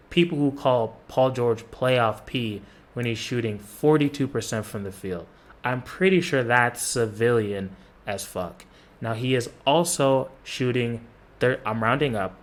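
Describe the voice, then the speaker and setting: Sarcastic, foul-mouthed man trash-talking. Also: mid-range voice. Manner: sarcastic, profane trash talk. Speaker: basketball reaction YouTuber. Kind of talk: reaction commentary.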